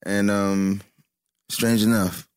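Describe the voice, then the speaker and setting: A man guest telling a story casually, halting with many um's. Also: fairly low pitch, little pitch movement, clean tone, dry recording. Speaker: songwriter guest.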